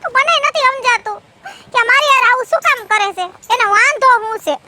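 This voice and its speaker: A woman's voice: very high voice, fast talker, noisy background. A woman playing a neglected young village wife in a comedy sketch, with a Saurashtra Gujarati accent, complaining and pleading through tears. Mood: aggrieved.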